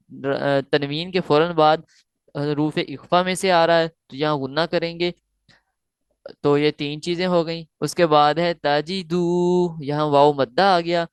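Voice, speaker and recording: Slow, clear-voiced male Quran tutor. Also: fairly high pitch, no echo. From Pakistan. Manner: patient, spells letters and drags out recited words. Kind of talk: online recitation lesson.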